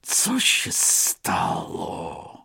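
A man voicing a worried snake that hisses and speaks slowly in a high voice. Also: huge pitch swings, vocal fry, bright, forceful tone, slightly rough, no room sound, studio quality, full character voice. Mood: anxious. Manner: slow, hissing, worried. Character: anxious hissing snake.

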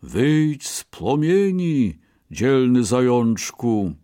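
A man's voice: mid-range voice, big pitch swings, very slow, warm tone, no echo, clean studio sound, pitched above the performer's own voice. A man voicing a mighty king of the gods in a storybook, speaking with solemn dignity.

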